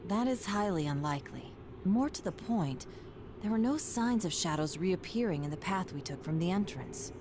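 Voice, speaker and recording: An actress playing a composed, analytical young detective in a video game, precise and formal. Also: female voice, fairly low pitch, lively intonation. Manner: precise, formal, measured wording. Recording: noisy background.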